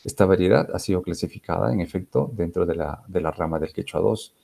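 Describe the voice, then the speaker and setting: A man's voice: low-pitched, a little fast, vocal fry, dark tone, breathy edge. A male researcher giving an academic conference talk, hesitant, with many fillers and restarts. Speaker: linguistics researcher presenting a conference paper.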